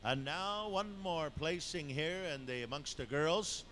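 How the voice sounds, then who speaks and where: A man working as a powwow emcee, announcing live in an informal, halting way and drawing out the names he calls. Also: on the high side, animated, bright, forceful tone. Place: powwow dance arena. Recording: noisy live event PA announcement. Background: clear event noise and ambience.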